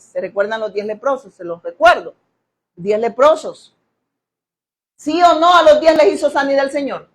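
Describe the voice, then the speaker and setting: Woman preaching, high pitched, fired up, keeps asking the church questions. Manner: emphatic, asks the congregation questions and acts out quoted voices. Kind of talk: sermon.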